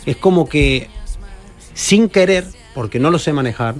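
A man's voice: fairly high pitch, expressive, unhurried, faint music behind. A man with a Rioplatense Argentine accent, a professional padel player chatting as a guest in a radio studio and telling long anecdotes with many restarts. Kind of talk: casual radio interview.

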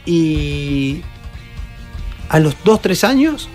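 A man's voice: fairly high pitch, big pitch swings, very slow, darkish tone, faint music behind. A man with a Rioplatense Argentine accent, a professional padel player chatting as a guest in a radio studio and telling long anecdotes with many restarts. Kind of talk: casual radio interview.

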